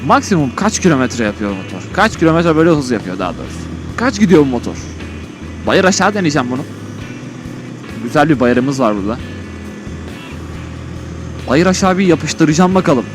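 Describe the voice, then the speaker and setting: A man's voice: a little high, big pitch swings, fairly quick, pauses often. A man talks from inside a motorcycle helmet as he rides, rambling colloquially and thinking aloud in a casual vlog style. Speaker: motovlogger. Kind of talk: casual vlog commentary while riding. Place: outdoors on a motorcycle on an open road. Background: music, vehicle on the road.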